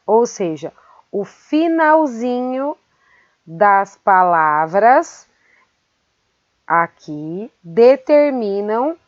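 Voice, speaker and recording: A woman teaching a grammar lesson, speaking slowly and carefully and repeating words syllable by syllable. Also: mid-range voice, very animated, no room sound. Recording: dry, dull lo-fi sound.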